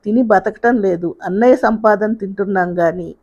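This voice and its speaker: A woman's voice: medium pitch, normal speed, a little mellow, breathy edge. A woman voicing a sarcastic middle-aged mother-in-law. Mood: consoling. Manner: mocking, scolding. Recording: dull lo-fi sound.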